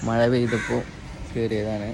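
A man's voice: fairly low pitch, flat delivery, unhurried, creaky. Chatty Malabar Malayalam man vlogging outdoors. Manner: chatty, teasing a small child in a raised playful voice. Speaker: family vlogger. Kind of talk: casual vlog narration. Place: outdoors, moving between shops and home. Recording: noisy outdoor phone recording.

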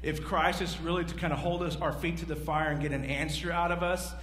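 Animated pastor preaching in an echoey church. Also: male voice, a little high, fairly quick. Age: 40s. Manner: animated, pacing the stage and gesturing; rhetorical questions to the congregation. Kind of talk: sermon. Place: large church stage. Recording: echoey hall, faint hum.

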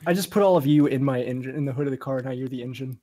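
A man playing a tabletop game as the dark overlord over voice chat. He jokes in a mock-bossy way. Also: medium pitch, very fast. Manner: playful, mock-bossy, laughs often. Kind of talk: casual in-character game banter.

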